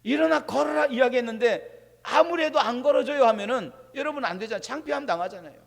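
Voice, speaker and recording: A male pastor preaching a sermon, swinging between hushed asides and loud, confident proclamations. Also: very high-pitched, fast. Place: church sanctuary. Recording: long reverb of a church hall.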